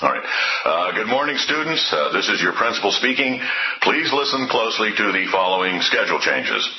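A man playing a school principal making announcements over a school intercom, drawling and halting with many uh's. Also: fairly low pitch, sing-song. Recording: echoey, dull, noisy PA sound.

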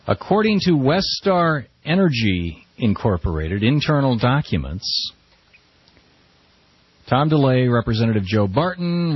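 An American man hosts a talk radio show with animated, swinging intonation. His voice is husky and his delivery emphatic and rhetorical. The sound is close and dry, slightly dulled by broadcast. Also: medium pitch, no room sound, lo-fi sound.

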